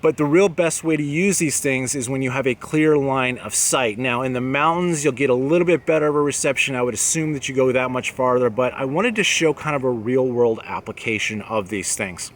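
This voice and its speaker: This outdoor gear host speaks in a mid-range voice, briskly and with few pauses, keeping his product talk to camera plain and conversational. He's recorded outside among apartment buildings and trees, where outdoor ambience comes through noticeably.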